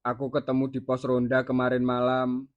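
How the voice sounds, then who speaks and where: A performer voicing a calm, hesitant husband who gossips to his wife. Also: medium pitch, normal speed, muffled recording, close to an everyday voice. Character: calm husband, plain middle-aged man.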